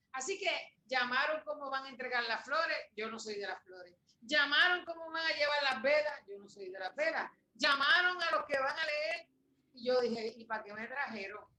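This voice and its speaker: A woman, a guest in an interview, telling an emotional story in an animated way and repeating phrases for emphasis. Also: sits high. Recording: echoey room with faint noise.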